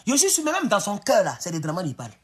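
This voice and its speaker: A man giving excitable, emphatic political commentary on a live stream. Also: high-pitched, fast, slightly rough.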